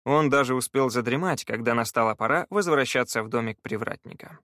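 Man, audiobook narrator, measured fantasy storytelling, mid-pitched, dry close sound. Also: fairly bright tone, no room sound.

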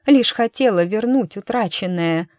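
A woman's voice: medium pitch, animated, measured pace, a little mellow, no echo, studio quality, pitched above the performer's own voice, lightly acted. Proud tearful queen in an audiobook, voiced by a woman, defiant and bitter.

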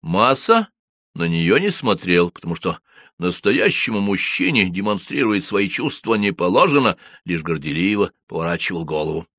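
Guy reading an audiobook, lively pitch, very dry close sound. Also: normal speed, no room sound. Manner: expressive storytelling. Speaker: audiobook narrator. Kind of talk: scripted narration.

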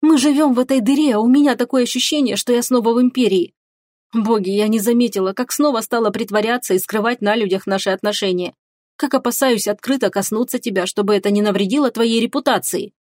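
A woman's voice: fairly high pitch, darkish tone, dry recording, studio quality, close to an everyday voice. A woman voicing a fiery, jealous young woman who speaks sharply and indignantly.

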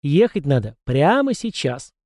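A man reading an audiobook voices a smug, self-satisfied middle-aged male police investigator in a raised, louder voice. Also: a little high, big pitch swings, fairly quick, no echo, studio quality, voice pushed up.

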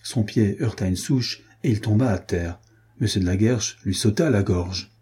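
A man narrating a classic adventure novel in a measured, even reading voice. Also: on the low side, husky. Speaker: audiobook narrator.

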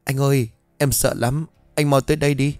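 A man's voice: mid-range voice, fairly even intonation, brisk, a little mellow, clear, resonant tone, no echo, soft background music, pitched above the performer's own voice, lightly acted. A man voicing a frightened young mother who pleads and whimpers in fear, in a dry studio audiobook reading. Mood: terrified, pleading. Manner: whimpering, begging.

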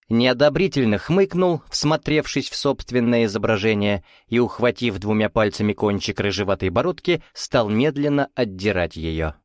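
Man reading a novel aloud, calm and measured, dry mic. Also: medium pitch, no echo. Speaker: audiobook narrator. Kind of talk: scripted narration.

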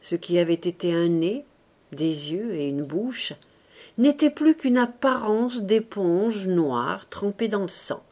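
A woman narrating a classic novel as an audiobook in a deliberate, expressive reading. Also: medium pitch.

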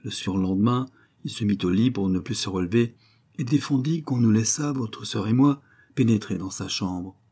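A man reading the part of a grieving, anguished noble mother in an audiobook, with a husky voice and a solemn way of telling. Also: on the low side, normal speed, mellow. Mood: sorrowful.

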